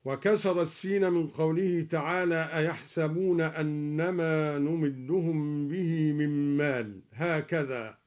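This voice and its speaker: A man explaining recitation variants in a measured voice, then chanting the verses in a slow, melodic, drawn-out style for a radio broadcast. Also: a little high, darkish tone. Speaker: Quran recitation teacher. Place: radio studio.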